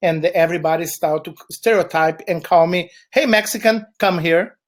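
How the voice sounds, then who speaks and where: Presenting a webinar at a moderate pace, a Chilean man with a slightly high voice wanders from point to point and uses lots of fillers. Portuguese is his first language, and he speaks with a Brazilian Portuguese accent.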